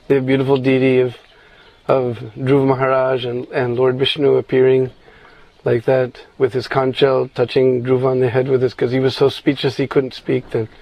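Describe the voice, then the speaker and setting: A man's voice: mid-range voice, level tone, moderate pace, a little mellow, no echo, low-quality recording. A man telling a scripture story in an informal sermon, meandering with restarts and frequent "you know".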